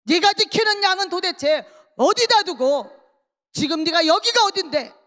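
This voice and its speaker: A woman's voice: sits high, moderate pace. A woman preacher voicing an angry older brother who scolds a young boy, raising her voice. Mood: scolding. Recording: long reverb of a large hall.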